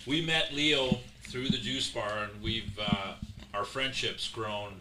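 Man, podcast guest, friendly, grateful, middle pitch, loud background noise. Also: slow pace. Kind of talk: casual chat.

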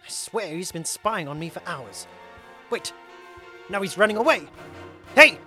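Man acting an excitable, piercing melodramatic pursuer. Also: sits high, measured pace, soft background music, heavily acted. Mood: suspicious. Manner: exclaiming, melodramatic. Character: excitable amateur chaser narrating his own pursuit. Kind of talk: scripted comedy sketch.

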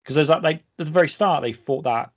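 A man's voice: fairly high pitch, fast. A young man from England, hosting a casual film review chat with a rambling, filler-heavy delivery.

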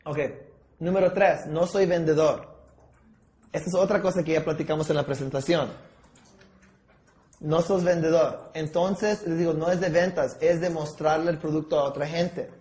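A man coaching a small group on sales, acting out pitches with a trainee and often dropping English words into his Spanish. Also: steady tone, normal speed, a little mellow. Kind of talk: sales training talk with role-play. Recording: echoey room.

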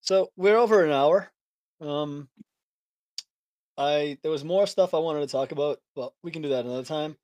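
A man hosting a podcast in casual chat, relaxed and rambling, chuckling often. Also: fairly high pitch, normal speed, pauses often, dry recording. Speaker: podcast host.

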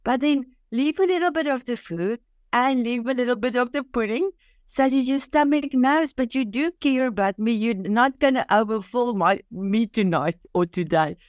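An older South African woman, a native Afrikaans speaker with a South African accent, shares her personal story as a podcast guest. Her voice sits a little high and moves at a normal speed, recorded with clean studio sound and no echo. She speaks earnestly and from the heart, using simple phrasing and restarting often.

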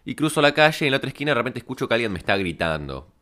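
A man with a Rioplatense Spanish accent telling a rambling comic story in a deadpan way. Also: mid-range voice, very fast. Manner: deadpan, rambling, absurd tangents. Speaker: podcast host.

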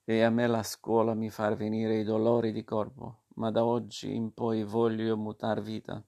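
A man's voice: lowish voice, completely flat delivery, normal speed, vocal fry, warm tone. A man reading aloud and voicing a naughty wooden puppet boy who pleads and promises eagerly to change.

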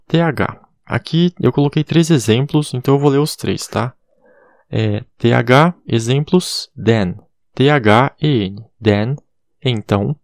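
A man's voice: mid-range voice, gravelly, darkish tone, no room sound, clean studio sound. A man giving a casual recorded English lesson, spelling words out letter by letter and checking in with "tá bom?". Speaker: English teacher.

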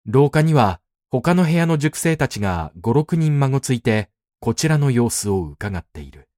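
Casting: male narrator of a classic novel, measured delivery, lively pitch, dry close mic. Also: dry recording.

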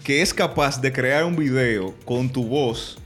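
A man with a Dominican accent, co-hosting a podcast in relaxed, joking banter. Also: medium pitch, takes it slowly, faint music behind. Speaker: podcast co-host. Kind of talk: casual chat.

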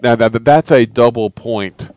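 A man's voice: medium pitch, moderate pace, a little mellow. A man co-hosting a casual podcast chat, often stammering and repeating words. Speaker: co-host, a parent.

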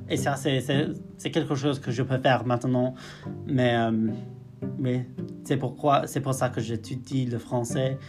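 A young man from northwest England with an English accent, co-hosting a podcast in careful learner French, joking and often correcting himself. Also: mid-range voice. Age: young adult. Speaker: podcast co-host. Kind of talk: casual chat in learner French.

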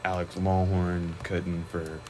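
A young man, a high school wrestler, chatting casually in an interview, relaxed and rambling with many fillers and restarts. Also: takes it slowly, noisy background.

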